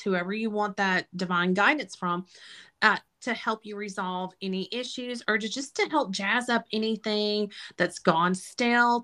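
A woman hosts a casual spiritual guidance talk. Her voice sits at an average female pitch. She speaks emphatically and addresses her listeners directly. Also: fairly bright tone. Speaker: astrology forecast host.

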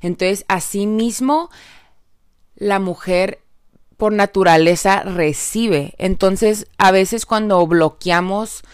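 Speaking slowly in a smooth, medium-pitched voice, a Mexican-accented woman hosts a casual podcast monologue. She's upbeat and chatty, addressing listeners directly and frequently dropping fillers like "¿no?" and "entonces." The sound is dry and studio-clean.

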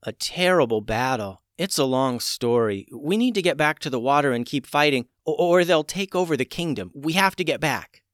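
An urgent, earnest young mermaid woman, her lively voice lifting with each worry, as a man plays her in a storybook. The sound is dry and close. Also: fairly high pitch, normal speed, hardly any pauses, no echo, voice pushed up, lightly acted.

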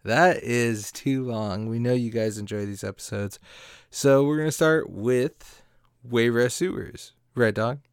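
Guy on a gaming podcast, smooth clear voice, dry close sound, laughs a lot. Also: mid-range voice, a little slow, no echo. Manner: laughs often, upbeat. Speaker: podcast co-host. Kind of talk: casual gaming podcast chat.

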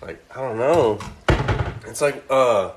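A man's voice: mid-range voice, takes it slowly, noisy background. A young man telling stories in a rambling, slangy, laid-back way while he cooks at home. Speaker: vlogger. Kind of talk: casual storytelling. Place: home kitchen, cooking. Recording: roomy kitchen with faint frying sizzle.

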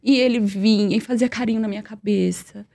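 A woman's voice: mid-range voice, steady tone, a little fast, gravelly, warm tone, no room sound, clean studio sound. A young woman telling a personal story in earnest, repeating words for emphasis. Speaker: guest.

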